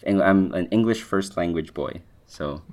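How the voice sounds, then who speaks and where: This is a podcast co-host, a young man from the Philippines, whose low, nasal voice has a slightly mellow quality and a measured pace. His casual talk wanders, full of self-corrections and frequent "likes."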